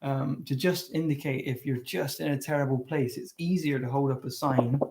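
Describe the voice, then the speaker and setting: A man's voice: medium pitch, fairly even intonation, moderate pace, vocal fry, a little mellow. Man, co-host, earnest coaching tone, mid-range voice, casual webinar talk. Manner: earnest, conversational, many restarts. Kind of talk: casual teaching chat.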